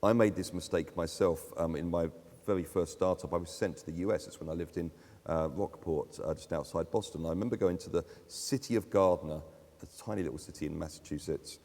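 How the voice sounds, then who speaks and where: Male conference speaker, deep and warm, casual delivery with fillers, hall reverb. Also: a little fast. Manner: conversational, with fillers and self-deprecating laughs. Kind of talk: live talk at a conference.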